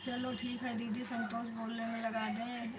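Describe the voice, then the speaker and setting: A woman's voice: on the high side, little pitch movement, moderate pace, noisy background. A woman hosting a live stream, chatting casually with her viewers and calling them elder sister.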